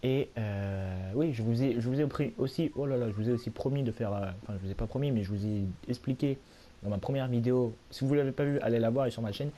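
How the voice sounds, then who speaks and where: A hoarse young man, a little sick, giving rambling, self-mocking commentary while he plays a video game at home. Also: medium pitch, fast talker, dark tone, a little hiss or hum. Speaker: gaming YouTuber. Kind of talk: casual let's-play commentary.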